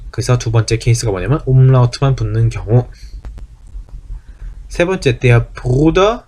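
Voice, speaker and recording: A man teaching a beginner language class, asking questions and answering them himself. He says each sound again and again, stretching words out slowly to show them. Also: mid-range voice, animated, dark tone. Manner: repeats each pronunciation several times; drawls words slowly when demonstrating them. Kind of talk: recorded beginner language lecture.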